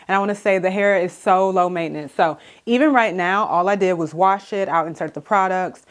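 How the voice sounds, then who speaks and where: A woman's voice: fairly low pitch, a little fast. A woman talking casually to camera in a hair tutorial vlog, chatty and enthusiastic with many fillers, a little out of breath. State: slightly out of breath. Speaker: beauty vlogger. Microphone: camera mic, on camera.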